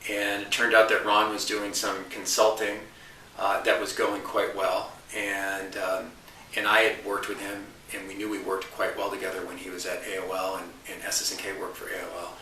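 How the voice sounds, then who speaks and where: A marketing consultant in his forties gives thoughtful answers about his career as an interview guest, restarting phrases and raising his voice to stress points. His low voice is bright and forceful yet completely flat, at a moderate pace. The recording sounds roomy from a distant mic, with faint hiss.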